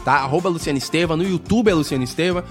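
A young man from Brazil, a radio guest telling stories in a lively way and acting out the voices of the people in them. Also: on the high side, very fast, faint music behind. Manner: animated storyteller acting out quoted voices. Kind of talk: casual radio chat, storytelling.

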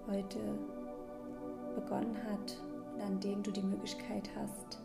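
A woman guiding a meditation in a soft, breathy near-whisper, gently and soothingly, with long pauses. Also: mid-range voice, flat delivery. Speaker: meditation guide and podcast host. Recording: roomy echo, ambient music bed. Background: slow ambient new-age music.

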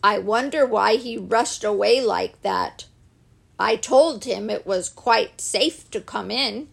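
Woman as a placid, slow-talking teddy bear. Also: mid-range voice, gravelly, husky, full character voice. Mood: calm, puzzled. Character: placid, polite male teddy bear, quietly pleased with himself.

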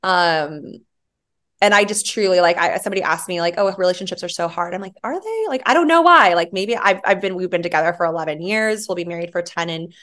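A woman in her thirties, guest on a podcast, talking in a chatty, animated way with lots of fillers and frequent laughs. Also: lowish voice, fast talker. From Hawaii, raised later in Arizona. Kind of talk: casual conversational interview.

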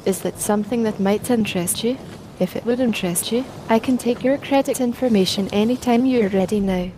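A woman's voice: a little high, fairly quick, background noise, natural voice. A woman voicing a robotic customer service rep. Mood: scripted. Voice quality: flat robotic delivery.

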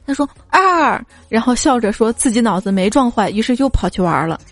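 A woman hosting a show, reading funny listener stories aloud, giggling often and putting on squeaky voices for the children in them. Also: lively intonation, fast talker. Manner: giggly, frequently breaks into laughter; acts out children's lines in a squeaky voice. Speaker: host.

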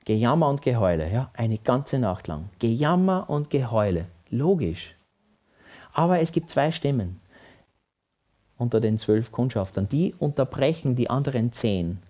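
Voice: medium pitch, expressive, a little slow, mellow. A Bible teacher, giving an emphatic teaching talk and often checking with the listener.

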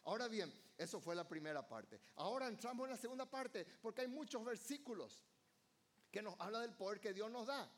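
A man's voice: high voice, lively intonation, a little fast. A male pastor, preaching a fervent evening sermon in church and calling on the congregation to answer him. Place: church service.

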